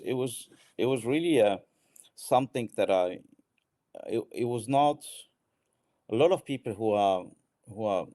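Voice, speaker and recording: Middle-aged man from Morocco, deep mellow voice, halting reflective interview guest. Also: no echo. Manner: thoughtful, halting with many restarts. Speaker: guest, art exchange founder. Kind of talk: interview answers.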